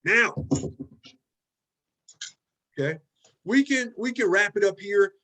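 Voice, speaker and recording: Talkative professor with a higher voice. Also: male voice, lively intonation, takes it slowly, sharp tone. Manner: conversational, checks in with frequent "okay?" and "right?"; repeats words while finding his phrasing. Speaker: college writing instructor. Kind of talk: casual online class lecture. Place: at his desk by his computer.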